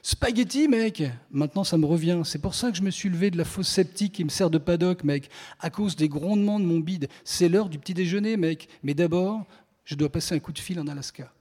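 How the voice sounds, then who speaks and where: A man's voice: high voice, brisk, darkish tone. A man reading a slangy first-person literary text aloud with a rhythmic, repeating refrain. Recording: reverberant hall.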